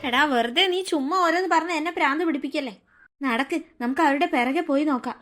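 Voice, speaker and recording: A woman's voice: high voice, fast, a bit bright. A woman voicing a bossy young man in a cartoon, ordering his friend around. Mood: suspicious. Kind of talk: cartoon voice acting.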